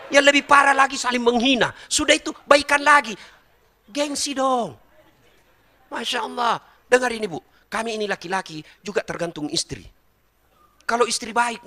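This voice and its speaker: A man's voice: very high voice, sharp tone, a little hiss or hum. A middle-aged man preaching a humorous sermon and teasing his audience directly with jokes.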